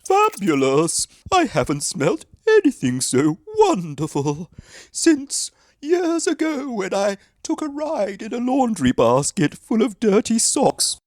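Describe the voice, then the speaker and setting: A woman's voice: mid-range voice, wildly swooping pitch, slow pace, darkish tone, no room sound, full character voice. A woman voicing an old grandpa mouse, a jolly lover of cheese, speaking in a hearty, exclaiming way. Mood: delighted. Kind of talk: storybook character voice.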